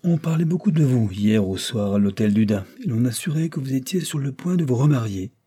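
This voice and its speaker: A man voicing a gruff, nosy older male judge who bursts into loud fury. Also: medium pitch, animated, brisk, pitched above the performer's own voice. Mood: teasing, gossipy. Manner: bluster rising to fury.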